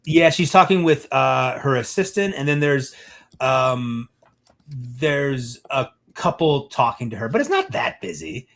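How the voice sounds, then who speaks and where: A man's voice: medium pitch, sing-song, measured pace, vocal fry, fairly bright tone. A man narrating as game master in a casual, rambling way with many fillers.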